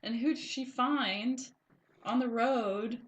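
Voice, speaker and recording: A woman's voice: on the high side, takes it slowly, highs cut off. A woman co-hosting a podcast, chatting casually and rambling through a recap with lots of fillers and giggles. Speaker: podcast co-host. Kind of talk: casual chat.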